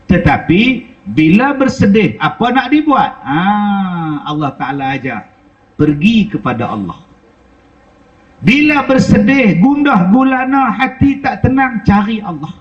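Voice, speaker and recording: Animated preacher with a high voice. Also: male voice, highs cut off. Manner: lively, rhetorical, questions and repeats for the crowd. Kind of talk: sermon. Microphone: wireless lapel mic.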